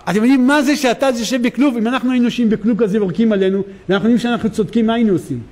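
A rabbi giving a sermon in a synagogue, telling a story emphatically with lots of repetition. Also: male voice, extremely high pitch, a little mellow.

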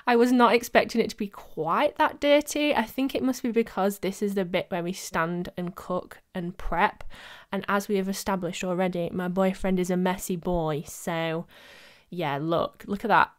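Young woman, casual voice-over, chatty, self-mocking, smooth clear tone, mid-pitched. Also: steady tone, moderate pace. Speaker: vlogger. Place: home studio, voice-over recorded separately.

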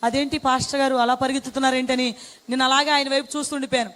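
High-voiced tearful woman giving testimony. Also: little pitch movement, racing, fairly bright tone, long reverb tail. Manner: tearful, dramatic retelling with quoted dialogue. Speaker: testimony speaker. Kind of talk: emotional personal testimony.

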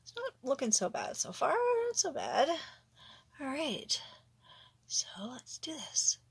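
A woman's voice: sits high, wildly swooping pitch, slow pace, gravelly. A middle-aged woman chatting casually through a nail art tutorial at home, talking to herself as she works and often dropping into a whisper. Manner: chatty, talks to herself while working, drops into whispers.

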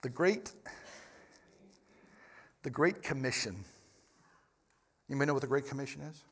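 A man preaching a sermon in a church, moving between quiet, close talk and loud, emphatic bursts, with frequent restarts and repeated words. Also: mid-range voice, measured pace, breathy edge. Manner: swings from loud emphatic shouts to quiet near-whispers. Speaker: pastor. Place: church sanctuary.

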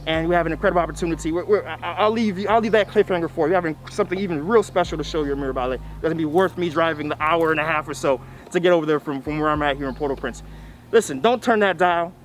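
High-pitched man talking through a face mask. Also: very fast. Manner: emphatic, repeats phrases for effect. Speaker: video series host. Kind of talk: vlog presenting to camera. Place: outdoors on a tree-lined roadside.

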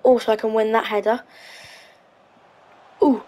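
A woman's voice: on the high side, fairly even intonation, measured pace, mellow, low-quality recording. Chatty woman thinking aloud over a game. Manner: chatty, hesitant, thinking aloud with frequent ums. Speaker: gaming channel host. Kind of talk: casual gameplay commentary.

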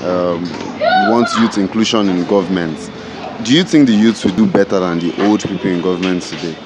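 A man's voice: deep voice, expressive, moderate pace. A man with a Nigerian accent asking passers-by questions for a street interview, holding a phone out as a mic outdoors. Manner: brief prompting interjections. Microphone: phone held out to interviewee. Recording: street noise behind.

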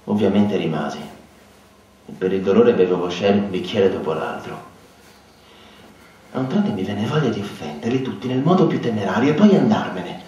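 An actor on stage playing a bitter, humiliated man who swings between low muttering and shrill outbursts. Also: lively intonation, normal speed, long pauses, dark tone, lo-fi sound, natural voice. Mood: brooding. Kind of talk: theatrical monologue. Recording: echoey hall, distant mic.

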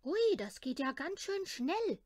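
A woman's voice: very high-pitched, big pitch swings, takes it slowly, darkish tone, no echo, studio quality, heavily acted. A woman voicing a bold, stubborn little girl in a children's storybook, exclaiming. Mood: excited.

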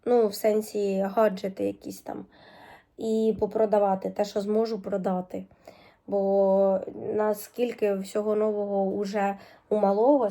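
A woman's voice: medium pitch, mellow, dry recording. A young woman vlogging casually as a mother, chatting to the camera and cooing to her baby. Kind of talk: casual daily vlog.

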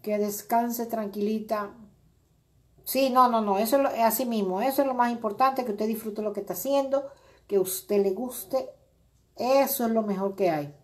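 A woman's voice: a little high, moderate pace, darkish tone. A middle-aged woman hosting a crafting video, chatting casually and rambling with many fillers as she greets viewers by name. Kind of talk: casual crafting livestream chat.

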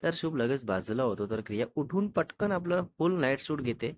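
A man's voice: medium pitch, lively intonation, fairly quick, no echo. A man narrating a serialized love story in a chatty, casual way, mixing in English words.

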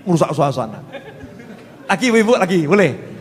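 A man with a Javanese accent preaching a lively sermon, joking and teasing his audience. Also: a little high, moderate pace, a faint crowd. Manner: jokey, teasing the audience, mixing in Javanese phrases. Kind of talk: lively sermon with sung salawat. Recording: long hall reverb, faint ambience.

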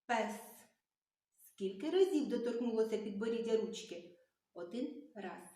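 A woman teaching young children, asking questions and praising them in a slow, sing-song teacherly way. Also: a little high, big pitch swings, dark tone. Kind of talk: children's literacy lesson. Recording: very echoey room.

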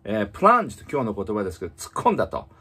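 A man teaching English in casual spoken style, reading slowly and explaining with many fillers. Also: fairly low pitch, huge pitch swings, sharp tone, slightly rough.

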